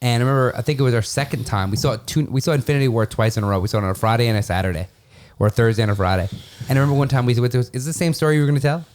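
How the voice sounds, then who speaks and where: A man on a podcast in casual chat, telling stories quickly and with animation. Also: medium pitch. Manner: fast, animated storyteller. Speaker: podcast panelist.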